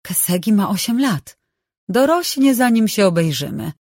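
A narrator voicing a fourteen-year-old girl who talks back boldly while straining to keep her voice steady in an audiobook. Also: mid-range voice, normal speed, no echo, studio quality, pitched above the performer's own voice. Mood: defiant. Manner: bold, defiant, straining to control her voice.

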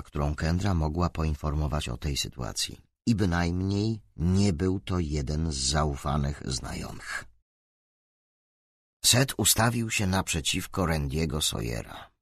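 Gravelly, husky male narrator. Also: no room sound, clean studio sound. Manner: expressive, swinging pitch for action. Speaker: audiobook narrator. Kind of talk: scripted narration.

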